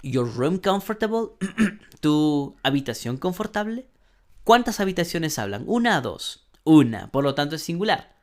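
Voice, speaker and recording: A man teaching an online English lesson, slowly modeling sentences and translating them, often clearing his throat. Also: fairly high pitch, big pitch swings. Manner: slow, patient explaining, modeling English sentences then translating.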